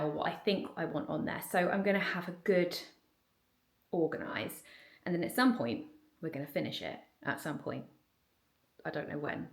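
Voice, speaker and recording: A woman in her thirties, chatting casually to camera while she tidies her home, upbeat, with quiet asides now and then. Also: fairly low pitch, gravelly. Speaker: vlogger. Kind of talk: casual chat while tidying. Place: home, moving between rooms. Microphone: handheld camera.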